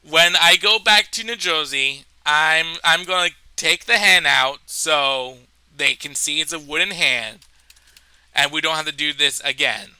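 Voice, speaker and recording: High, sharp-voiced man telling a story. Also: measured pace, clear, resonant tone, no room sound, low-quality recording. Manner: rambling, animated, with many fillers and restarts. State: stuffed-up nose. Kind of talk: comedic personal story.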